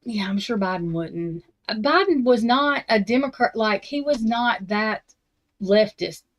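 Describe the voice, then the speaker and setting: Over slightly dull, lo-fi audio, a true crime stream host rants casually and profanely, rambling, restarting, and using slangy Southern-flavored grammar. Her voice is on the high side and expressive, delivered at a measured pace.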